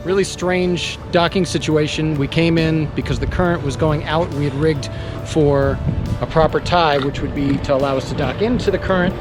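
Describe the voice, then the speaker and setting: A man's voice: on the high side, normal speed, music in the background. A man hosting a boating vlog as skipper, chatting casually about the trip as it happens. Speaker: boat skipper and vlog host. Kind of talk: casual travel vlog narration.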